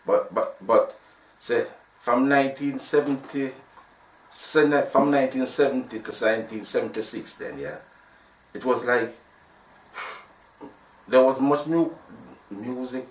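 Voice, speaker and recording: A sixty-something Jamaican man speaks a little slowly, with long pauses and a mid-range voice. The sound system founder has a Jamaican accent and rambles through his story in a casual interview, frequently starting over. He is recorded off the mic from far away, in a roomy space.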